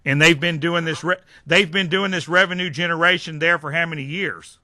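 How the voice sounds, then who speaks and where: A man's voice: fairly high pitch, fairly even intonation, brisk, sharp tone. A man ranting on a talk show, heated, repetitive and rambling. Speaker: regular guest. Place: TV studio.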